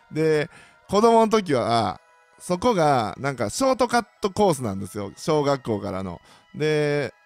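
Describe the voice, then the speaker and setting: A man with a Kansai accent tells a comic personal anecdote, full of sound effects and self-mockery. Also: a little high.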